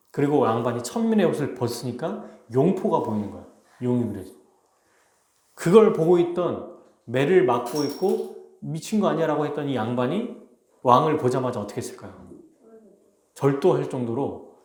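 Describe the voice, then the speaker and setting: A man pastor preaching a sermon, telling a story with animated delivery and acting out its characters. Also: mid-range voice. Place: church. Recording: echoey church hall.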